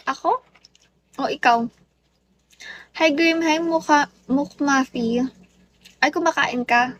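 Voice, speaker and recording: A young Filipino woman with a light, high voice talks slowly and unhurriedly into her phone. She greets her viewers by name and teases them playfully, with faint noise in the background. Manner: switches between Tagalog and English, playful and teasing. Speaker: livestreamer. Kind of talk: casual live stream chat greeting viewers.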